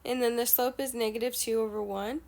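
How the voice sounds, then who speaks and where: A young woman math teacher, nasal and stuffy from allergies, patiently walks through a lesson step by step. Her voice is fairly high and darkish in tone, with fairly even intonation and a brisk delivery.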